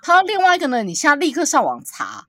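Animated woman telling a story. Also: high voice, fast talker, no echo, studio quality. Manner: animated storyteller, acts out quotes, laughs often. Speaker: podcast co-host. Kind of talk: casual storytelling chat.

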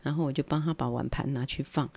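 Low-voiced Taiwanese woman telling family stories. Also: steady tone, fast, gravelly, a little mellow. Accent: Taiwanese Mandarin. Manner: chatty, acts out her parents' words. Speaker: livestream host. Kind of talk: casual storytelling.

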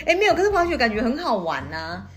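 A woman with a Taiwanese accent telling personal stories in a casual, animated chat, often repeating phrases for emphasis. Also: high-pitched, quick pace. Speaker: podcast co-host. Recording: music behind the voice.

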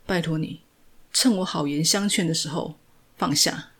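A man's voice: fairly high pitch, normal speed, a bit bright, breathy edge. A woman voicing a stern male police officer giving firm orders in a retold drama. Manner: curt orders.

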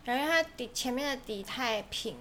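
A young woman co-hosts a casual chat. She tells her story in an animated way and acts out what other people said. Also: on the high side, fast talker, a little hiss or hum. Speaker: co-host.

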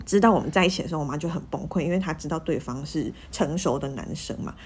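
A young woman, telling frank, animated stories in a casual podcast chat. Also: low-pitched, quick pace, slight background noise.

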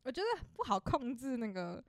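A woman's voice: a little high, very animated, fairly quick, no echo, studio quality. A young woman, a podcast co-host who chimes in with quips during casual chat. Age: young adult. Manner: chimes in with laughing reactions and quips.

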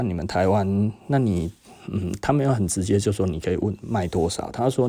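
A man's voice: sits low, dark tone. A middle-aged man with a Taiwanese Mandarin accent, telling a story casually as a podcast host and acting out both sides of old conversations. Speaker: podcast host, shop owner.

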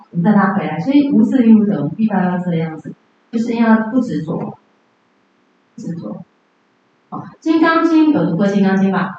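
A woman teacher lectures on Buddhist scripture in a relaxed, conversational way and keeps checking in with her class. Her mellow voice rings through a very echoey room with dull, lo-fi sound. A faint hiss sits underneath. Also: medium pitch. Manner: conversational, asks the class questions.

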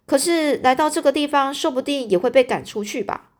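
A woman's voice: sits high, fairly quick, pitched above the performer's own voice, close to an everyday voice. A woman voicing a sly, nosy bearded male miner in a storybook reading. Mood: prying. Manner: nosy questioning, hearty.

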